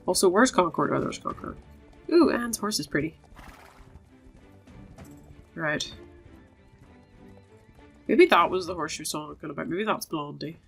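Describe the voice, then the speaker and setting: Her voice is low, creaky and expressive, a little slow, with many pauses. As a gaming video host she offers chatty, casual commentary over game music, reading dialogue aloud and talking to herself and her virtual animals.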